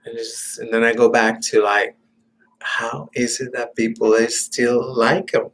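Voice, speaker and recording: A man talks to his camera in a loose, meandering monologue at a very slow, unhurried pace. He stops and restarts often and trails off into quiet, whispered asides. His voice sits at an ordinary middle pitch. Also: level tone, slightly rough, rough recording. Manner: halting, meandering, many fillers and restarts; drops to muttered, whispered asides. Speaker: vlogger. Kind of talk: casual rambling monologue.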